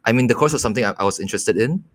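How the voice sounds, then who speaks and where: A man's voice: medium pitch, rapid-fire. A young man, chatting in a laid-back, joking way as a podcast co-host. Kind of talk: casual chat.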